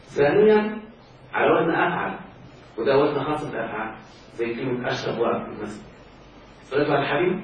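In a classroom, a man with an Egyptian accent explains Arabic grammar, pausing at length and then moving fast, always checking that his students follow. His medium-pitched voice has lively intonation. The recording is dull and faintly hissy, captured from afar in a very echoey space.

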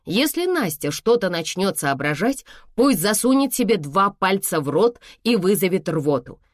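Stern doctor mom, icy and clipped, barking firm orders, read by a woman; lively pitch, dry. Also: normal speed, dry recording. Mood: commanding. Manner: curt, firm instructions. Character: cool-headed mother, a doctor, icy and commanding.

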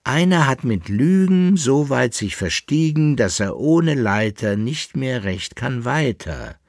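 A haughty masked noblewoman, put on by a male reader, teasing her guest in a playful, pointed tone. The voice is husky and unhurried. It sounds close and dry, like an audiobook read in a studio. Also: lowish voice, animated, no room sound.

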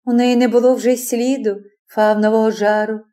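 A woman narrating a classic novel as an audiobook in a measured, expressive reading. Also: on the high side. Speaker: audiobook reader.

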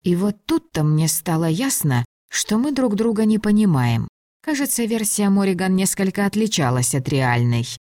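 A woman reading a first-person audiobook in an even, measured storytelling voice. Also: medium pitch, no echo, studio quality. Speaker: audiobook narrator.

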